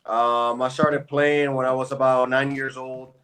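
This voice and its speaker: A man's voice: mid-range voice, level tone, unhurried, a bit bright. A man in his thirties from Puerto Rico, a pro basketball player telling his story in a laid-back, casual interview chat.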